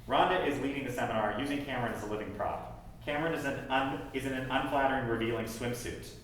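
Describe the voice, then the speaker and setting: A man reads stage directions in a plain, steady manner at a table read. His voice is mid-pitched. It sounds far off in an echoey room with faint background noise. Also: fast.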